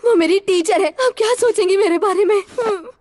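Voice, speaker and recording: A woman plays a clever, earnest young boy in a cartoon. The voice is very high and boyish, and he rattles on eagerly as he reasons things out. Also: moderate pace, a little mellow, dry recording, studio quality. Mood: worried. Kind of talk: animated cartoon dubbing.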